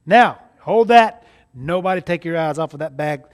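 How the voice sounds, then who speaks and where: A Mississippi magician with a Southern US accent guides a child volunteer at a live kids' show, cracking jokes and showing off like a party magician. He speaks at a moderate pace, on the high side, with lively intonation.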